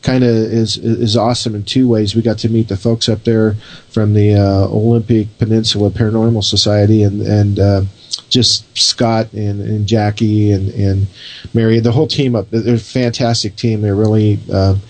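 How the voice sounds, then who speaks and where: A man chatting casually as a radio interview guest, rambling and halting as he searches for words. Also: fairly low pitch, little pitch movement, a little mellow, poor audio.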